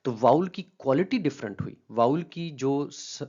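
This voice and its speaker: A man's voice: mid-range voice, animated, measured pace, warm tone, dull audio. A man giving an explanatory linguistics lecture. He mixes in English terms and often stops to check that the listener is following. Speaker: linguistics teacher.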